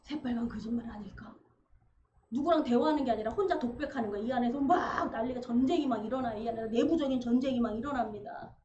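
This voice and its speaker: A woman preaching a sermon in a church, animated and acting out the voices she quotes. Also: a little high, fast. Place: church sanctuary. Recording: roomy, slightly dull livestream with faint hiss.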